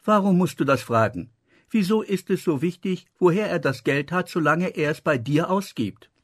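A man voicing the woman of the house, who is sharp-tongued and protective, in an audiobook. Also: on the high side, lively intonation, husky, pitched above the performer's own voice. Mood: indignant. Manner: indignant, quick to defend.

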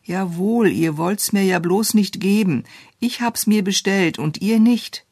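A reader voicing an excitable, stubborn little girl in a storybook tale, pleading and indignant in turn. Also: medium pitch, measured pace, no room sound, clean studio sound.

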